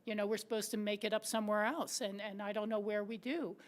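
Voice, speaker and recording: An American woman on a city council making her case at a meeting, earnest and slightly hoarse, with frequent restarts. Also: mid-range voice, flat delivery, quick pace. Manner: earnest, argues point by point with many restarts.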